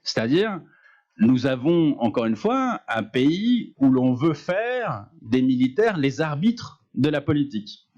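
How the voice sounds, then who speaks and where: A man speaking deliberately and emphatically as a panel analyst at a public conference, stretching key words. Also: medium pitch, very animated, a little mellow, muffled recording.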